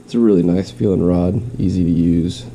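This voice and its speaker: His voice deep, gravelly and very dark, a congested fishing vlogger with a slight cough talks a little fast and nasally while going over his gear at home in quarantine. The casual show-and-tell wanders with restarts, and faint noise sits in the background.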